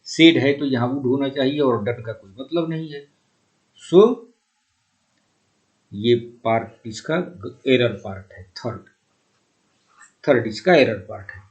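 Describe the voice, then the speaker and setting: Slow-reading Indian man teaching English. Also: medium pitch, lo-fi sound. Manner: slow and deliberate when reading English sentences aloud; explains in Hindi and repeats key words. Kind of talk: exam-prep lesson mixing Hindi and English.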